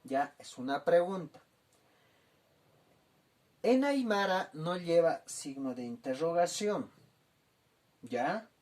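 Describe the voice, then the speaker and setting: A man teaching a lesson in a slow, patient way, repeating phrases and checking in with the learners. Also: on the high side, a little mellow. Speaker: language teacher. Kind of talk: online language lesson.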